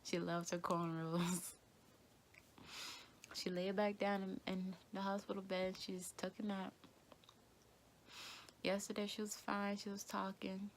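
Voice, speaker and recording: A young woman talking in a halting, quiet way, tearful and grieving, often repeating herself. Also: mid-range voice, level tone, a little hiss or hum. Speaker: vlogger. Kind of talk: emotional personal vlog.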